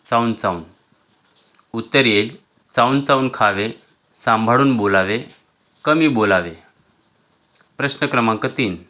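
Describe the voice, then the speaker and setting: A man teaching, reading textbook exercise questions and their answers aloud in a measured, item-by-item way. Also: mid-range voice, dull audio. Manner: measured, listing answers one by one.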